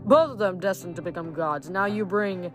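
A woman's voice: fairly low pitch, normal speed, music in the background, close to an everyday voice. A woman reading aloud, voicing a menacing, boastful male giant in a storybook. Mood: scornful. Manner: taunting, theatrical.

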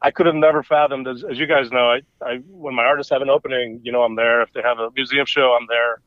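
A gallery owner from El Salvador, a native Spanish speaker, chats casually as a guest, rambling with many fillers and restarts. His mid-range voice stays steady in tone and runs fast. The recording is dry, with dull lo-fi audio.

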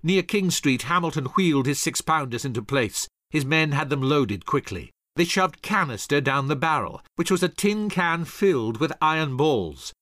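A man's voice: fairly high pitch, lively intonation, normal speed, hardly any pauses, fairly bright tone, dry recording, studio quality. A man narrating a scripted history story dramatically, acting out the voices of the people in it. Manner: dramatic, acts out quoted voices.

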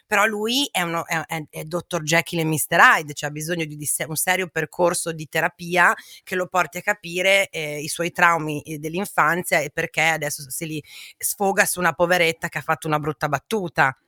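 A woman's voice: deep voice, fairly even intonation, a little fast, sharp tone, no echo, clean studio sound. A woman co-hosting a podcast, chatting in an opinionated way and often restarting her sentences. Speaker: podcast co-host. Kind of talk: casual chat.

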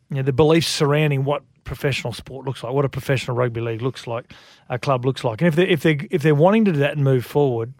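An Australian man giving opinionated sports talk as a rugby league pundit, thinking aloud in a halting way. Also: mid-range voice, a little mellow, no echo, clean studio sound.

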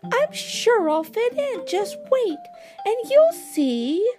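A woman's voice: very high-pitched, very animated, slow, over music, pitched above the performer's own voice, full character voice. A woman voicing a cute, kind male pumpkin in a storybook, bubbly, eager and friendly. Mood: hopeful. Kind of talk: storybook character voice.

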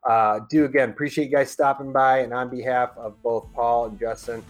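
A man hosting a fantasy football podcast and signing off the show in a relaxed way, with plenty of ums and you-knows. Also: mid-range voice, brisk, faint music behind. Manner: relaxed, filler-heavy, friendly. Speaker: podcast host. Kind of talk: casual podcast sign-off.

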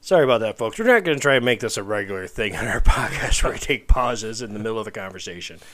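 Casual podcast co-host, male, fairly low voice, wry and crude, moving between loose chat and reading aloud. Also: animated, fast, background noise. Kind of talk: casual podcast chat with read-out ghost stories.

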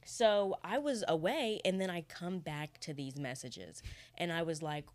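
A woman's voice: fairly low pitch, a little slow. A young woman co-hosting a podcast, telling a story in casual chat and laughing often. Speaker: podcast co-host.

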